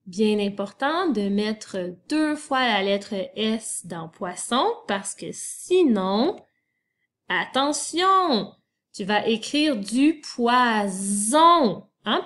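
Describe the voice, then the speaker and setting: A woman teaching children a spelling lesson, patiently spelling words letter by letter. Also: medium pitch.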